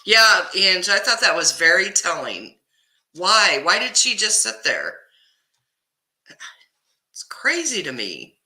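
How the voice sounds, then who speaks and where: Hosting a casual livestream, a Kansas woman with a local Kansas accent reads out viewers' comments, answers people by name and laughs a lot. She speaks slowly at a medium pitch, very animated and sharp-toned, with long pauses, and the recording sounds roomy.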